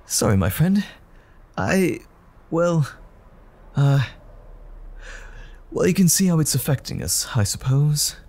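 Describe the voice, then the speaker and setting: A man voices a troubled, apologetic gentleman scientist in an audio roleplay drama, speaking formally, haltingly, and anxiously. His fairly high voice is very animated and exaggerated, with an apologetic, pleading mood.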